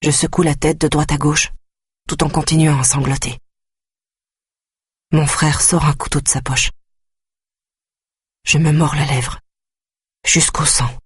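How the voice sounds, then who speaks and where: Husky-voiced man reading an audiobook. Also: fairly high pitch, flat delivery, unhurried, long pauses, no echo, clean studio sound. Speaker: audiobook narrator. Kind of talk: first-person audiobook narration.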